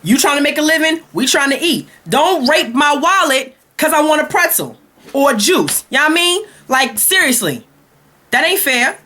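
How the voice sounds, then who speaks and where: A woman's voice: sits high, normal speed. A young woman from Brooklyn with a Brooklyn accent, delivering a sassy, exasperated comedic rant as a vlogger. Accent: Brooklyn New York. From Brooklyn, New York. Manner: sassy, animated, exasperated ranting.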